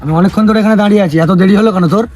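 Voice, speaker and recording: Guy doing a pushy delivery man, high voice, talks super fast, kinda threatening. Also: a little mellow. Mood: impatient. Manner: brusque, threatening.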